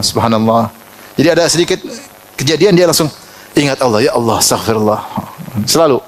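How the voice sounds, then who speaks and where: Animated storytelling preacher, a man. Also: fairly high pitch. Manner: animated storytelling, chuckles often, recites Arabic verses. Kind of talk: Islamic sermon with anecdotes.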